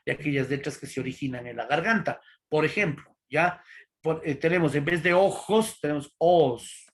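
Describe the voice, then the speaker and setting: A man's voice: fairly high pitch, a bit bright. A male teacher, giving an online class lecture in an explanatory way, with frequent fillers and tag questions. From Ecuador.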